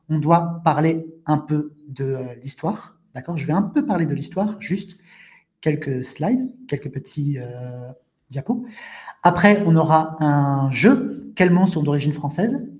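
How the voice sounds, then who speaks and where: A man hosting a live online language webinar, explaining things slowly with frequent restatements and talking to viewers in the chat. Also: a little high, a little mellow. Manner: interactive, addresses viewers in the chat. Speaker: French teacher hosting a webinar.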